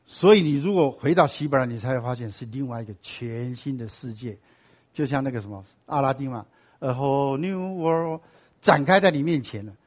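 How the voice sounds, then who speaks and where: A man's voice: medium pitch, a little fast, husky. A man teaching a sermon-style Bible class. He keeps asking the class rhetorical questions and drops in English and Hebrew words.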